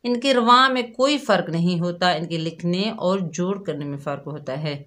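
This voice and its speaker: A woman's voice: on the low side, moderate pace, fairly bright tone. A woman teaching Quran recitation, patiently spelling out each syllable and repeating it. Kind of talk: slow step-by-step recitation lesson.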